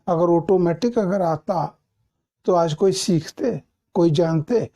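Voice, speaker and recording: A male English teacher in a doubt-clearing class, explaining patiently and repeating points, often checking that students follow. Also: high voice, takes it slowly, dark tone.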